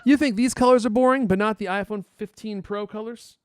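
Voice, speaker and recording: Here a podcast host's high, smooth voice moves a little fast through casual conversation and playful, theatrically emphasized ad reads. The sound is clean studio audio with no room sound.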